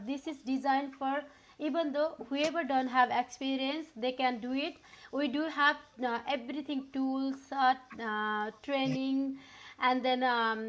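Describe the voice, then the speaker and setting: A woman's voice: high voice, a bit bright. A woman from Nepal answering questions on a live panel over a video call, hesitant with many fillers.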